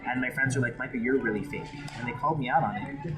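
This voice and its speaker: Over loud background music, a man from Hawaii tells his personal story in an interview. His voice is medium-pitched and fast, and he speaks frankly and emotionally, often restarting his sentences.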